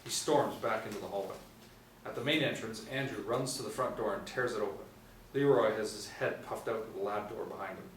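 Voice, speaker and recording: A middle-aged man with a voice on the low side reads scripted stage directions fairly quickly, narrating a table read. He's seated indoors in a small room with a tablet; the room echoes, the mic is distant, and there's faint noise.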